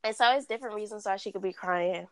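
A woman hosting a casual chat, reading dating scenarios aloud at a slow, deliberate pace and laughing often. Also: medium pitch, fairly bright tone, dry recording. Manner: reads questions slowly, laughs often.

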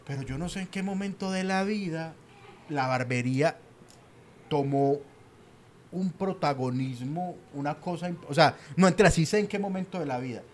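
A man's voice: a little high, normal speed, slight background noise. A young Colombian man from the Medellín area, co-hosting a podcast and joking his way through a casual rant. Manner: ranting, joking, laid-back slangy talk. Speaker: podcast co-host. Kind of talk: casual comedic chat.

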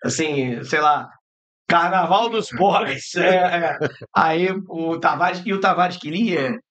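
A Brazilian man hosting a podcast, telling lively anecdotes in casual chat and mimicking the people in his stories. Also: fairly high pitch, slow pace, dull audio. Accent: Brazilian Portuguese. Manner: animated, mimics voices in anecdotes, swears and laughs. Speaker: podcast host.

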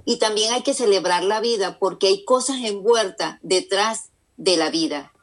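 A woman's voice: mid-range voice, moderate pace. A woman on a faith radio show, telling a personal story earnestly and with emphasis, acting out the voices of the people she quotes. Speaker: radio guest and author.

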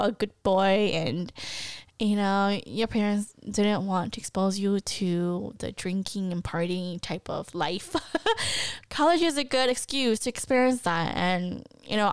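A smooth, mid-range female voice in a dry recording belongs to an American podcast host in her thirties. She delivers a casual personal monologue, talking candidly and chattily to her listeners and laughing often.

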